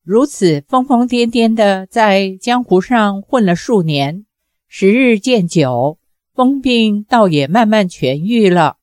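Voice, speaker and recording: 一位女性朗读者，以从容而富有戏剧感的方式讲述武侠小说。. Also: female voice, medium pitch, lively intonation, a little mellow, no room sound, studio quality. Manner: measured, dramatic storytelling. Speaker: narrator. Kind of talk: audiobook narration.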